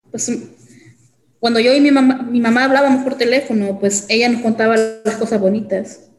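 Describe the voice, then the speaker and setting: Young woman, slow and hesitant, lots of restarts, echoey room with a little hiss. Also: a little high. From El Salvador. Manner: halting, many fillers and restarts. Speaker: interview guest. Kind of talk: hesitant personal testimony.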